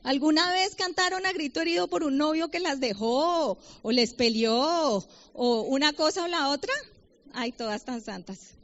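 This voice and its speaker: High-voiced Colombian woman preaching. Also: a bit bright. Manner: personal testimony with humor, reads Bible verses slowly. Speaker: women's ministry speaker. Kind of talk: sermon to a women's gathering. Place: conference hall. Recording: dull lo-fi event recording.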